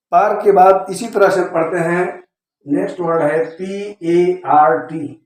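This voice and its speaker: A man teaching English pronunciation rules in a video lecture, repeating points and often checking that viewers follow. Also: sits high. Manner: repetitive, checks understanding often. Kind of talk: classroom-style video lecture. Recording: very echoey room.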